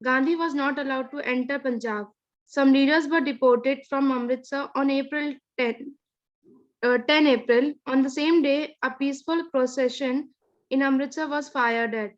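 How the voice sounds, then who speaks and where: High female Indian student, muffled audio. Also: steady tone, moderate pace. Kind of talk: reading a textbook aloud. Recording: dull, lo-fi online call audio.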